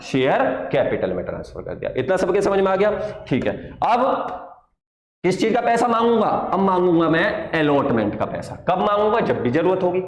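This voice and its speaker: A high-pitched male teacher lectures patiently, posing questions and answering them himself. He drags out dictation word by word so students can copy. The room is echoey, with a long reverb tail. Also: big pitch swings, normal speed. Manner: patient, calls students "my child". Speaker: accounts teacher. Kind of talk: classroom lecture.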